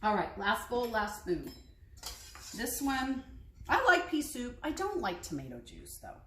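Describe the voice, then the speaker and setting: A woman's voice: on the high side, huge pitch swings, unhurried, fairly bright tone, a little hiss or hum. A woman taste-testing recipes in a casual kitchen vlog, chatty and frank with hesitant asides. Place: home kitchen. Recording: echoey kitchen, clinking dishes.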